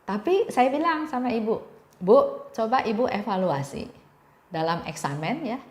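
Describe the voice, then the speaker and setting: Woman giving a gentle devotional talk. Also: on the high side, lively intonation, unhurried, reverberant. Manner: gentle storytelling with repeated phrases.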